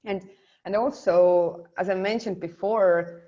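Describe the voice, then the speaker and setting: A woman's voice: medium pitch, steady tone, slow pace, warm tone, highs cut off. A young woman from Estonia talking casually in an interview, full of fillers and restarts. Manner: chatty, many fillers and restarts.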